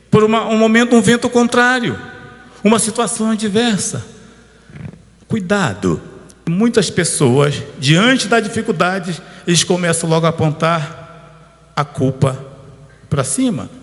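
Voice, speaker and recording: A pastor preaching an informal sermon at a church service, telling a personal story and calling out to the congregation. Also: male voice, a little high, a bit bright. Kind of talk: conversational sermon. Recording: long church hall reverb.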